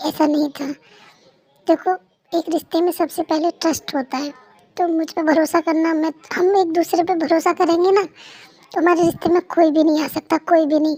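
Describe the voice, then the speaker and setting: A woman's voice: high-pitched, a little mellow, natural voice, rough recording. A woman with a cold voicing an earnest, apologetic young husband in an amateur fan dub, repeating herself insistently. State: has a cold.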